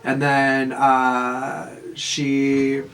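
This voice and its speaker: A man, telling a casual, profane story in a rambling monologue full of fillers and quick laughs. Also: mid-range voice, monotone, fairly bright tone. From Southern California. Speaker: vlogger.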